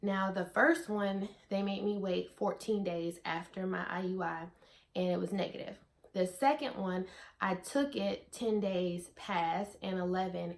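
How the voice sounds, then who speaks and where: A young adult woman vlogging, telling a personal story casually to the camera with lots of fillers and asides to viewers. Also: medium pitch. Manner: chatty, many "like" fillers, addresses viewers as you guys.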